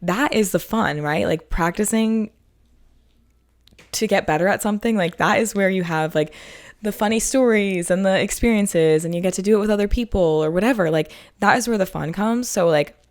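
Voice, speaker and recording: A woman's voice: mid-range voice, moderate pace. A young woman hosting a podcast, talking casually and filling her sentences with "like" and "um". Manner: chatty, heavy use of "like" and "um", restarts. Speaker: podcast host. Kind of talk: casual solo podcast talk.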